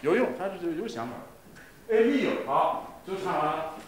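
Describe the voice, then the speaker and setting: A man teaching voice in a masterclass, stopping to sing short phrases as examples, in a halting, repetitive way full of fillers. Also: fairly high pitch, sing-song. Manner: breaks into sung Italian phrases to demonstrate. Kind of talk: masterclass coaching a singer. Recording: roomy archival class recording, faint hiss.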